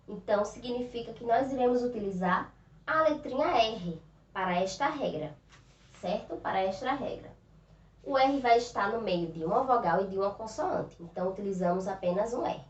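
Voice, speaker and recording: Brazilian woman, primary teacher, Northeastern accent, slightly high voice, roomy distant lo-fi recording. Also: lively intonation. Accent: Northeastern Brazilian Portuguese. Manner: slow, patient, stretches out words and sounds for children. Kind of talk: recorded remote lesson for young children. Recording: roomy, distant, dull lo-fi sound.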